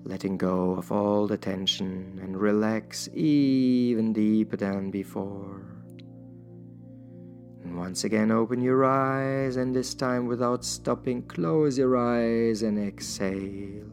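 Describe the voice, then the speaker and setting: A man guiding a hypnosis session in a soothing, measured manner with drawn-out pauses. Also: lowish voice, steady tone, a little mellow, faint music behind. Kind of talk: guided hypnosis induction, soothing instruction.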